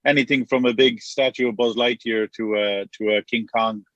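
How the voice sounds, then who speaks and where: A man's voice: mid-range voice, steady tone, normal speed, fairly bright tone, no echo. Easygoing west of Ireland man, slightly dull sound. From Connemara, west of Ireland. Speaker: podcast guest. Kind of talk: casual chat. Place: inside a car.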